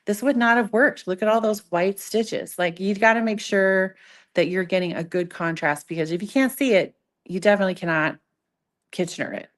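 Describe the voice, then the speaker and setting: A woman's voice: mid-range voice, normal speed. A woman instructor giving a casual live demonstration, chatty and playful, often interrupting herself and poking fun at her own slips. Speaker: craft instructor demonstrating sock knitting. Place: live in-person event with an audience. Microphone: event microphone.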